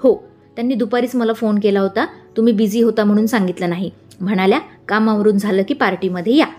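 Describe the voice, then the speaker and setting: A cheeky young male assistant who pouts and teases his boss, as a woman reads him in a storybook. His lines sit a little above her narration, with soft music far behind. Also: medium pitch, fast talker, lightly acted. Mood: teasing. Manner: teasing, pouting.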